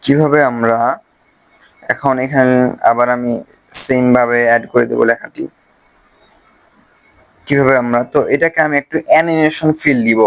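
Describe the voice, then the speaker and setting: A man with a Bangladeshi Bengali accent, casually explaining a phone video-editing app step by step, with pauses as he clicks. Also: medium pitch, fairly even intonation, a bit bright. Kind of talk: screen-recorded software tutorial.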